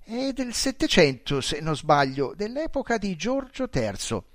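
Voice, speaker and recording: A sly little rat-eyed pickpocket, as a male reader puts him on, smug and proud of his quick fingers. The voice sits raised and lively, swinging up and down as he gloats over his loot. It is read close and dry, with no room sound around it. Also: high voice, no echo, voice pushed up. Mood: knowing. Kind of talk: audiobook character voice.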